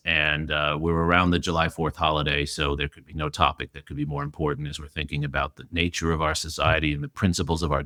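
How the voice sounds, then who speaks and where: A man hosting a podcast, a historian leading an animated conversation and laughing easily. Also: a bass voice, no room sound.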